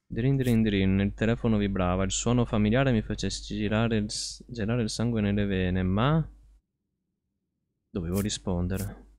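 A man's voice: on the low side, fairly even intonation, measured pace, no room sound. Swearing man streaming a horror game. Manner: reacts loudly, swears, reads game text aloud. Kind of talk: live gameplay commentary and reading aloud.

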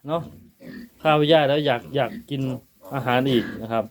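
A man's voice: medium pitch, normal speed. A man talking casually to viewers in a farm vlog. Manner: chatty, addresses viewers often. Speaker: vlogger raising pigs.

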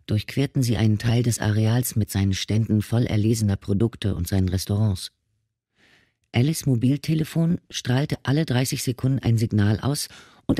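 A man narrating an audiobook in a steady, measured reading. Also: mid-range voice, no echo, clean studio sound. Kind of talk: scripted narration.

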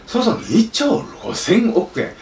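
A man, a film director, speaking to an audience at a talk event, animated and storytelling, now and then slipping into playful dialect impressions. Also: sits high, measured pace, gravelly. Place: theater or event hall. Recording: roomy hall, distant mic, faint noise.

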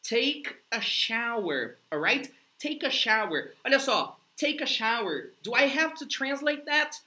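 A bright, energetic woman with a Brazilian Portuguese accent runs a live English lesson. Her voice sits a little high and she coaxes her viewers along, slowing right down to drill each phrase again and again. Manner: upbeat, coaxing, repeats phrases slowly for drills. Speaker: English teacher. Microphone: livestream setup.

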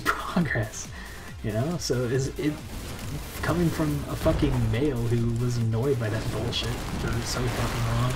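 A young man rambling drunkenly and profanely in a loose, repetitive casual rant while he streams a game. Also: mid-range voice. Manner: loose, circling, repeats himself. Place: indoor room, streaming at a computer. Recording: loud game music behind. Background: loud game music.

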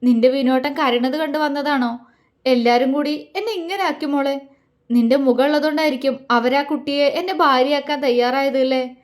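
A woman's voice: high-pitched, normal speed, close to an everyday voice. A woman voicing a grieving young man torn between two loves, pleading and anguished in an audio story. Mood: brooding. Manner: anguished, pleading inner monologue.

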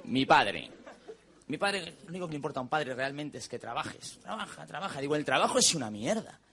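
A man performing a stand-up monologue on stage, delivering quick deadpan punchlines and mimicking his relatives. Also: fairly high pitch, gravelly, a faint crowd. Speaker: stand-up comedian. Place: stage before a live audience. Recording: stage recording with audience laughter and noise.

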